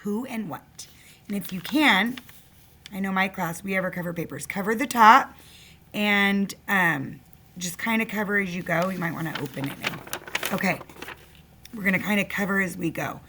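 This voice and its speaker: In a medium-pitched, sharp-toned voice, a teacher gives first graders a spelling test, sounding every word out slowly, saying it again, and keeping her directions simple.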